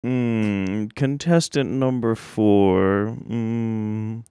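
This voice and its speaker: A man doing a slow, humming oddball contestant. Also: on the low side, dark tone, smooth, no room sound, clean studio sound. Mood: slow, deliberate. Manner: drawn-out humming "mm" before every phrase. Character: strange slow-talking humming male contestant. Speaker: game show contestant. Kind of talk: improvised comedy character.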